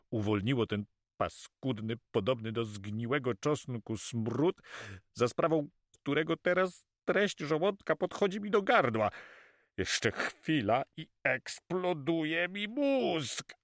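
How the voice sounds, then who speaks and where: A man voicing a loud, hot-tempered male pirate who blusters and swears by sharks in an audiobook. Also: medium pitch, lively intonation, slow pace, no room sound, studio quality, voice pushed up. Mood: aggrieved. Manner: blustering, shouts sea-themed curses. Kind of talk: audiobook character voice.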